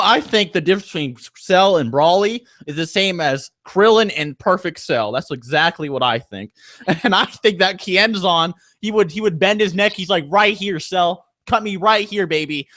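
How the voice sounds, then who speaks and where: A cocky young man hosts a loose live-stream debate, teasing his opponent and swearing freely. His voice sits a little high for a man. The sound is dry and close. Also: a bit bright, no room sound. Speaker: debate host.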